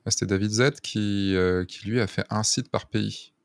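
A man's voice: lowish voice, fairly even intonation, moderate pace, vocal fry, dry recording, clean studio sound. A man hosting a casual podcast interview, chatty and full of restarts. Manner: chatty, many restarts and fillers. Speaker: podcast host.

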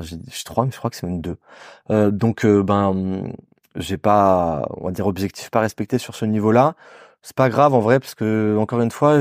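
A man's voice: fairly low pitch, mellow, no room sound, clean studio sound. A young man in a casual vlog monologue, talking loosely with lots of fillers, slang and restarts. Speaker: vlogger. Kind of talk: casual year-review monologue.

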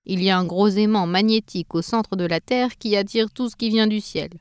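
A woman's voice: mid-range voice, fairly quick, clear, resonant tone, dry recording, lightly acted. A woman voicing a small ant who explains things in a matter-of-fact way. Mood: explaining.

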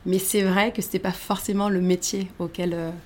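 A woman in her thirties, a guest telling her career story in a casual interview, animated, with many fillers and restarts. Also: mid-range voice, normal speed.

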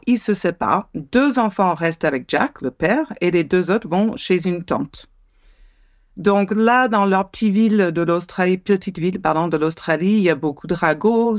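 A woman's voice: fairly low pitch, no echo, studio quality. A woman co-hosting a podcast, telling a true-crime story in a casual, chatty way with frequent hesitations.

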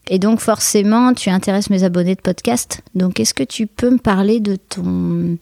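A woman's voice: medium pitch, moderate pace, gravelly, mellow, no echo, studio quality. A woman hosting a podcast interview, asking friendly questions in a casual way. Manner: friendly, prompting questions with short backchannels. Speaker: podcast host.

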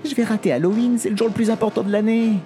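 A man squeaking a whiny little vampire girl. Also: steady tone, quick pace, warm tone, soft background music. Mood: pleading. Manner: pleading, whiny. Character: protesting young vampire girl.

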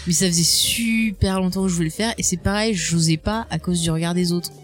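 A woman guest in a casual conversation, chatty and expressive, laughing often and swearing casually. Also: lowish voice, fairly quick, faint music behind.

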